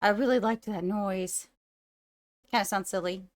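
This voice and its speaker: A young woman hosts a first-time movie reaction, musing aloud and gasping and exclaiming as she watches. Her voice is medium-pitched with fairly even intonation, and she speaks unhurriedly.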